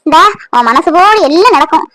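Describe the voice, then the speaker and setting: Woman doing a gentle older cartoon mother-in-law, high-pitched, dry and close. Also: lively intonation, a little fast, no echo. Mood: consoling. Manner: soothing, consoling, blessing. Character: elderly mother-in-law, tender and blessing. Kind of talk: Tamil cartoon voice acting.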